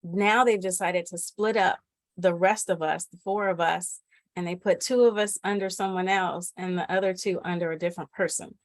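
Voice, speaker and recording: A woman's voice: fairly low pitch, steady tone, moderate pace, no room sound. Woman hosting, dry close sound. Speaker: host. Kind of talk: conversational meeting hosting.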